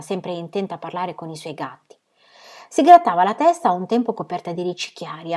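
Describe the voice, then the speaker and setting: A woman reading a novel aloud in steady, measured storytelling. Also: on the low side. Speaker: reader.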